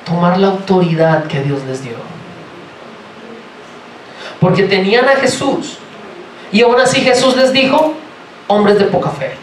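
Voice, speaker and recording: A man from Colombia with a Colombian accent, preaching a sermon in a lively, joking way and asking the congregation many rhetorical questions. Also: high voice, unhurried, long pauses, a little hiss or hum. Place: church sanctuary. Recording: roomy, from far off, faint ambience.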